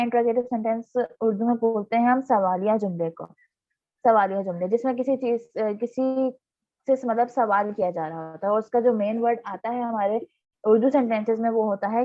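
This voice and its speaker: A patient woman teacher runs a grammar lesson, breaking each point down step by step and pausing to check that the class is following. Her voice sits a little high, and she reads example sentences slowly and deliberately. The recording is dull and lo-fi. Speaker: English teacher.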